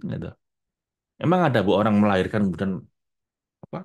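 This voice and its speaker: A man delivers a sermon in a low voice. His pitch leaps and dips, and he moves between loud bursts and near-hushed asides. He keeps speaking directly to the people in front of him. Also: fast talker, vocal fry, lo-fi sound. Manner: animated, addresses listeners as Bu and Pak, jumps from loud to hushed. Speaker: preacher. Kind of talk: religious talk to an audience.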